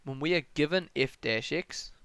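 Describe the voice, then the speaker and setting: A young man with a New Zealand accent talks through a maths exam paper on a live stream, relaxed and chatty as he works each step out aloud. His voice has a gravelly edge, yet it comes through smooth and clear. The sound is dry, with no room echo. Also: on the high side, moderate pace. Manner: casual, thinks aloud, answers chat questions. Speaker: maths tutor.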